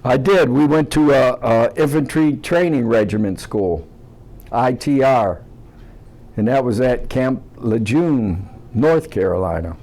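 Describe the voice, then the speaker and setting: A man in his seventies from Ohio, telling his own memories in an interview in a plainspoken, halting way. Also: mid-range voice, animated, darkish tone. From Cleveland, Ohio, USA. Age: 70s. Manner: plainspoken, halting with many uhs. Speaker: veteran interviewee.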